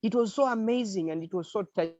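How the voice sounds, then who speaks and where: A man's voice: high-pitched, quick pace, darkish tone, no room sound. A man from Zambia speaks on a call that keeps breaking up. His voice is muffled and dry over the phone line, and it cuts in and out. He talks earnestly and keeps restarting his words as the signal drops. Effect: call breaking up, voice dropping out. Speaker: caller. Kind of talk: phone-in political commentary.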